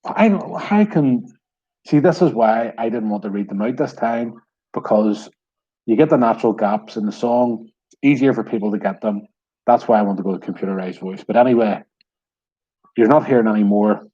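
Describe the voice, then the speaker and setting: A man running a pub quiz from home, with a low, mellow voice and a wry, self-mocking manner. The sound is dull and lo-fi. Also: brisk, breathy edge. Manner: wry, self-deprecating, chuckling. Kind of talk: casual online quiz hosting.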